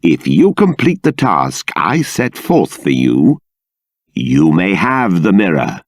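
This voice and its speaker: An actor playing a stately, stern middle-aged king and exasperated father in a fantasy video game, speaking in a formal, deliberate, emphatic manner. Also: low-pitched, huge pitch swings, no room sound, studio quality, heavily acted. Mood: solemn, commanding. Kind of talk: theatrical fantasy game voice acting.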